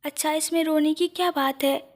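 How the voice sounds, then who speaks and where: A woman's voice: high-pitched, steady tone, normal speed, close to an everyday voice. A woman doing a tender young husband.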